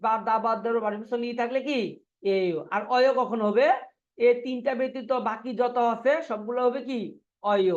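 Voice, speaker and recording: A man's voice: very high-pitched, muffled recording. A man teaching a Korean language class online, drilling students by asking the same questions over and over and answering them himself. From Bangladesh.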